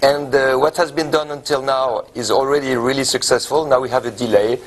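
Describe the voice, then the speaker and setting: A man, a pilot, giving an interview statement in a halting way with filled pauses and restarts. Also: medium pitch, fairly even intonation, low-quality recording.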